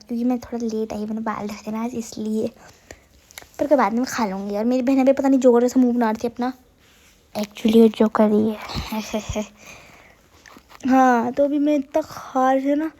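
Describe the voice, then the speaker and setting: Young woman, sore throat, high-ish voice, playful self-mocking vlog voice-over. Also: dark tone. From Uttarakhand hills, India. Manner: chatty, self-mocking, addresses viewers as guys. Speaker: vlogger. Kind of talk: casual voice-over narration.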